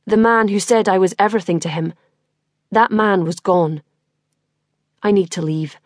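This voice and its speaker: Woman, audiobook narrator, first-person, wry, measured, dry studio. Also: mid-range voice, dry recording.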